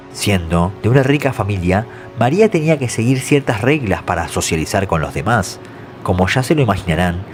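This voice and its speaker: A man narrates scripted horror legends in a measured storytelling way. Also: fairly low pitch. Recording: faint music behind the voice. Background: soft background music.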